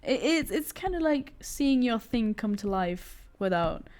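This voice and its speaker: Slightly high and darkish in tone, her voice moves with lively intonation at an unhurried pace. She's a young artist streaming while she draws, rambling casually with frequent laughs, fillers and stammered restarts.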